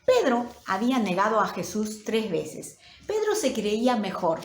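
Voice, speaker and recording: Slow, expressive Rioplatense woman pastor. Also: mid-range voice. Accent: Rioplatense Spanish. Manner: storytelling with rhetorical questions. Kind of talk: sermon. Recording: roomy with faint noise.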